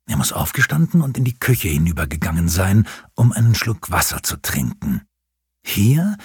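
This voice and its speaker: A man narrating a historical novel in an expressive audiobook style with a husky voice, close-miked in a booth. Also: fairly low pitch, no room sound. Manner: expressive, varied storytelling. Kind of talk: scripted narration.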